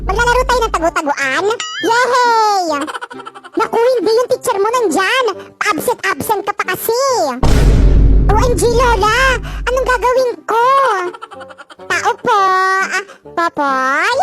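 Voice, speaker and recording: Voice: very high voice, expressive, a little slow. A voice performing playful comedic cartoon skits, switching between all the characters. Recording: music playing clearly behind the voice.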